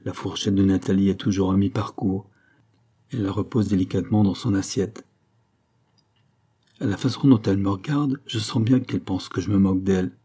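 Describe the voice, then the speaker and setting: Male narrator, low and husky, calm measured novel reading. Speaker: audiobook narrator. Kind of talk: scripted first-person novel narration.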